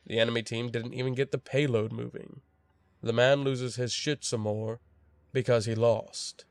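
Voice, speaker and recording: A man's voice: mid-range voice, creaky, darkish tone, dry recording. A young man narrating a true scary story in a casual, wry storytelling voice.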